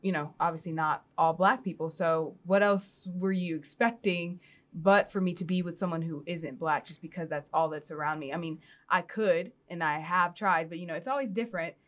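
A young woman hosts a casual interview podcast, talking in a relaxed, chatty way and dropping in filler words as she goes. Her voice sits a little low for a woman. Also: moderate pace. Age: young adult. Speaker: podcast host.

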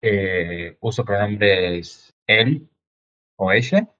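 A man of twenty-four, talking on a video call panel in a hesitant way with many pauses. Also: on the low side, bright, forceful tone. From Argentina. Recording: muffled lo-fi call audio.

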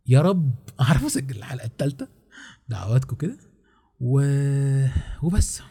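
A man's voice: medium pitch, expressive, normal speed, mellow, breathy edge. A man with an Egyptian Arabic accent, hosting a podcast and giving casual advice in a joking manner, full of rhetorical questions. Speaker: podcast host.

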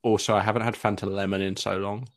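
A man's voice: fairly low pitch, level tone, fast talker. A man co-hosting a casual fan podcast, talking in a wry, easygoing and teasing way. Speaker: podcast co-host.

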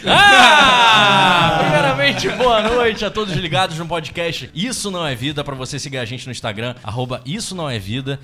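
A man's voice: on the high side, brisk, few pauses, crowd noise. A young man hosting a casual podcast with friends, joking and laughing a lot. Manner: joking, playful, laughs often. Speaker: podcast host. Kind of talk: casual chat among friends.

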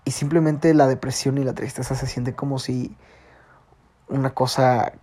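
A man with a Mexican accent and a slightly hoarse, rather high voice, talking frankly in a casual confessional monologue full of slang and swearing. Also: flat delivery, normal speed, dark tone.

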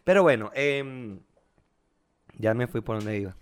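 A Venezuelan man in his twenties co-hosts a casual podcast chat, telling stories full of jokes and playful voices as an animated storyteller. His voice is mid-range and smooth, with a slightly slow delivery.

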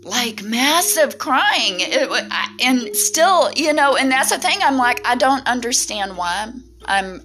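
A woman talking through a tarot reading in a loose, rambling way. She fills her talk with "um" and keeps checking in with "right?". Her voice sits a little high and sounds bright and keen. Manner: rambling, many fillers and "right?" tags. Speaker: tarot reader. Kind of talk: casual spiritual talk.

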